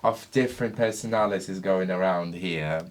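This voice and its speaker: Dry, low-voiced grumpy man. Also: moderate pace, a little hiss or hum. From Brazil. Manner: dry, sardonic, self-described grumpy. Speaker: podcast co-host. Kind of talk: casual podcast chat.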